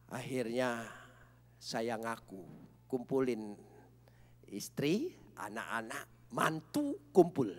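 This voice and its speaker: A middle-aged man, a pastor, telling his own story to a church congregation, dramatic, dropping to hushed whispers and rising to shouts. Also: medium pitch, sing-song, slow, pauses often. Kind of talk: testimony sermon to a congregation. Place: large church service.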